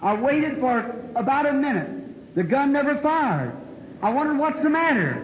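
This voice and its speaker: High-voiced preacher in an echoey hall. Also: male voice, sing-song, moderate pace, slight background noise. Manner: folksy storytelling, rural dialect grammar. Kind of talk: sermon with a told story. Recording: dull echoey old hall recording.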